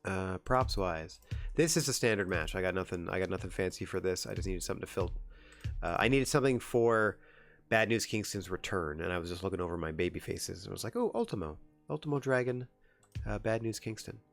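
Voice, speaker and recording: Young male streamer, gravelly, bouncy pitch, chatty self-talk, faint music behind. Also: fairly quick, fairly bright tone. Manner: chatty, giggly, talks to himself while deciding. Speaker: game streamer. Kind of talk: casual gameplay commentary.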